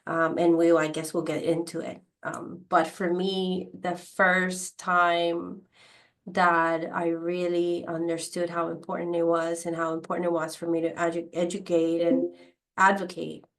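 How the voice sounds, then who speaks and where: Reflective woman, lowish voice. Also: flat delivery, a bit bright. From Costa Rica. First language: Spanish. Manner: reflective, many pauses and fillers. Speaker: podcast guest. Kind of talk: casual interview storytelling.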